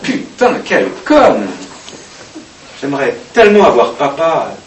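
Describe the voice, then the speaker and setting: His voice on the high side, a man reads a diary aloud in an expressive, halting manner with occasional fillers. The room is echoey, he's far from the mic, and a faint hiss runs underneath.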